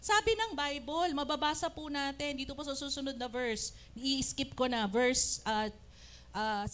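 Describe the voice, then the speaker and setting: A woman with a Filipino accent preaching a sermon, animated, acting out quotes and shouting praise. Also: high-pitched, moderate pace. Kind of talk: Taglish sermon. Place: church service.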